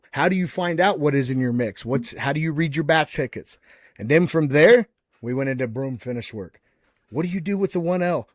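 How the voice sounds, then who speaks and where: A man hosts a live online panel show in a casual, folksy way, calling everyone buddy and frequently restarting and repeating words. His voice is a little high. The recording is dry with clean studio sound.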